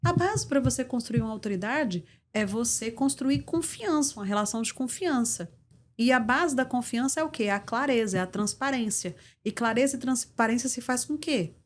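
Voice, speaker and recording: Brazilian woman, middle-aged, emphatic teaching guest, pitched a touch high. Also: lively intonation, a little fast. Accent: Brazilian Portuguese. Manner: assertive, didactic, emphatic delivery. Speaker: guest, communication mentor. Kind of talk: interview, explaining with examples.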